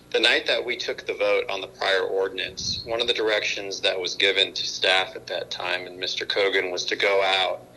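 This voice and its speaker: A mayor calling in over a phone speaker at a council meeting, talking hesitantly with many restarts and fillers. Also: male voice, low-pitched, bright, forceful tone, slight background noise, rough recording.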